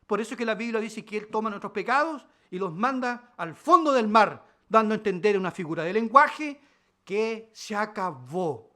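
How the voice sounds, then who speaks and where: A man with a Chilean Spanish accent preaching a sermon as pastor, swinging between loud declarations and quiet asides. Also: sits high, expressive, normal speed.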